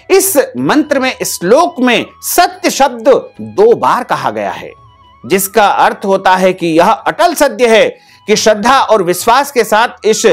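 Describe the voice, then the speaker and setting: A man as a spiritual teacher giving a devotional discourse, repeating phrases in a rhythmic, listing cadence. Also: high-pitched. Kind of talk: devotional discourse with mantra chanting.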